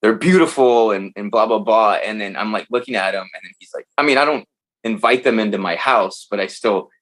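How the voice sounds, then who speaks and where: A man with a fairly low voice tells stories as a podcast guest in loose, casual talk. He is animated and swears freely. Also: a little fast. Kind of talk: casual chat.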